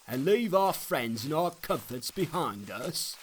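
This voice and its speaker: A man's voice: on the high side, very animated, unhurried, slight background noise, pitched above the performer's own voice. A man voicing a stubborn, scornful male neighbour, scoffing and dismissive, in a dramatic storybook reading. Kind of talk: dramatic reading of an old allegory.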